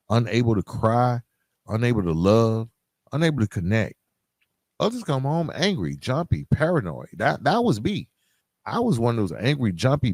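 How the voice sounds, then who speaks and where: In a dry recording, a man with a mid-range, darkish voice hosts a podcast. He talks candidly and emphatically straight to listeners, using colloquial, streetwise phrasing in the manner of a motivational monologue.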